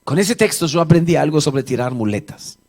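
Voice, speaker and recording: Fairly quick in his delivery, a male pastor with a voice a little higher than most men's preaches a lively storytelling sermon to a church congregation. He acts out Bible scenes and dialogue and jokes easily with the people there.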